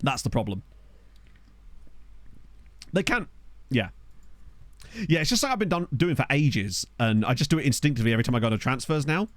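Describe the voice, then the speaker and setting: Very animated and brisk, a gaming streamer gives casual commentary on a football management game, rambling, laughing a lot, and reacting aloud to players he finds, often pausing along the way. His pitch bounces energetically. He sits near a desk microphone in a dry room without echo.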